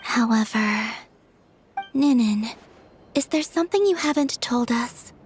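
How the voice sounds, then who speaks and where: Voicing a gentle, perceptive young investigator for a video game, this woman keeps her delivery soft-spoken, measured and calm. The pitch sits fairly high, some slight background noise is present, and she sounds thoughtful and analytical.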